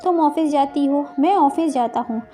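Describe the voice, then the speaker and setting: A woman plays a stubborn, hot-tempered husband in a moral storybook tale. The voice stays high and mellow. He argues bluntly and raises his voice. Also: moderate pace, soft background music, natural voice. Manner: stubborn, shouting. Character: stubborn angry husband, middle-aged man.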